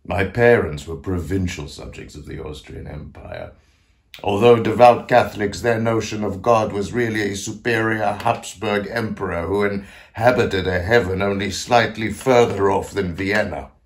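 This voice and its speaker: A male actor with a lowish, creaky voice plays an aged, grandiose Italian composer near death, confiding wryly in a theatrical stage monologue. Lightly acted at normal speed, he is self-mocking and declamatory, swinging to hushed asides.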